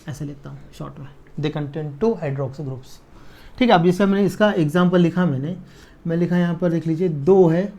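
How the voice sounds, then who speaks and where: A man teaching a chemistry lesson at a board, dictating notes slowly word by word and checking that students follow, with in the technical terms. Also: fairly high pitch, dark tone. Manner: slow dictation, drawn-out words, frequent checks for understanding.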